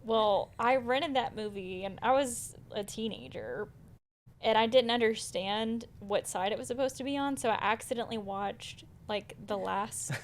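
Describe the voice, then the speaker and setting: A woman co-hosting a podcast, running a playful quiz game and teasing her guests with a lively, chatty manner. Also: a little high, moderate pace. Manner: playful, teasing, laughs often. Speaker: podcast co-host.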